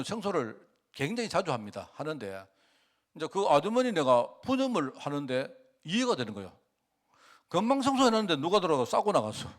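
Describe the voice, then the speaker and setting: Here a man gives a sermon as a pastor, chatting with the congregation and regularly asking them questions. His pitch and volume shift in lively swings.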